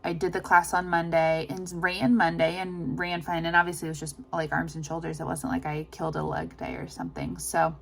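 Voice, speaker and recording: A woman's voice: lowish voice, little pitch movement, fairly quick, creaky, few pauses. A woman talking casually to her vlog audience, rambling informally as she thinks aloud. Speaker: running vlogger. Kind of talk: casual personal vlog chat.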